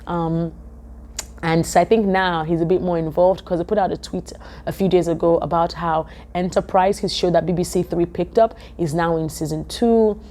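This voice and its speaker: A young woman, chatting to camera in a vlog, animated and full of "um"s, from her office. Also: lowish voice, normal speed. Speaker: vlogger. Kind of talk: casual talk to camera.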